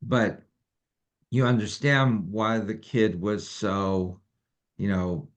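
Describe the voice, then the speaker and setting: Low-voiced man leading a study group. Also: slow pace. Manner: relaxed, rambling with many fillers. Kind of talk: informal teaching talk. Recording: dull lo-fi recording.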